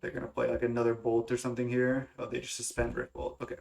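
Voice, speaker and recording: A young man who makes gaming content speaks fast and in a monotone, his medium-pitched voice a little mellow with vocal fry and a stuffy, congested quality. He casually thinks out loud about card game choices, hesitant and full of fillers and restarts.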